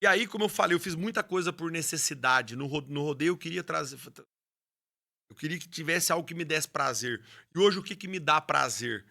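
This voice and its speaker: A man's voice: on the high side, lively intonation, a little fast, gravelly, pushed and bright. A man, a rodeo announcer and horse trainer telling his story with passion in an interview, often restarting his words. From Brazil. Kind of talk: interview conversation.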